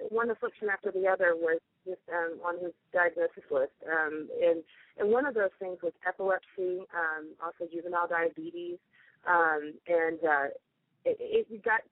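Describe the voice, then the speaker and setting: A woman from Tennessee, a singer and guest, chatting easily on the phone, laughing often and filling pauses with lots of ums. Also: lowish voice, dry recording. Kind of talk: phone interview chat. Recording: tinny phone line.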